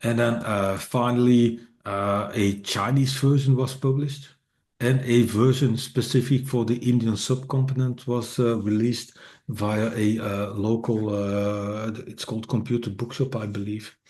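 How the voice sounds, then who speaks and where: Unhurried and steady, his voice sits on the low side with a slightly mellow color. A middle-aged author and speaker, originally a Dutch speaker, he addresses an online meetup in casual English, full of fillers, restarts, and hesitation, plus a dry self-deprecating humor.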